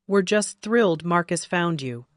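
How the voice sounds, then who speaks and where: A woman's voice: on the low side, expressive, a little slow, no echo, clean studio sound. A woman voicing a kind older mother-in-law. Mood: welcoming. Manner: kind, welcoming.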